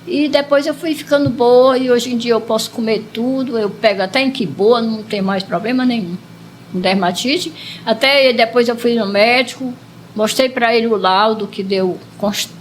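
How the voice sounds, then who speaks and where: A woman's voice: on the high side, moderate pace, slight background noise, poor audio. A Brazilian woman who is a parishioner, telling her personal healing testimony with earnest, repetitive storytelling, her emotion at times breaking through. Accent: Brazilian Portuguese.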